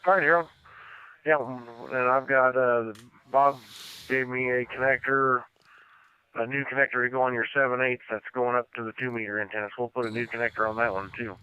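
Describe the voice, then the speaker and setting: A man's voice: medium pitch, fairly even intonation, fairly quick, clear, resonant tone, lo-fi sound. An American man running a casual amateur radio net as controller, heard over a two-way radio transmission. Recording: band-limited, dry amateur radio audio.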